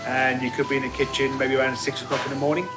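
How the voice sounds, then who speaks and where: A man's voice: medium pitch, completely flat delivery, very fast. A man explaining things casually in an interview, recorded in a roomy space. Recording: roomy echo. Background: music.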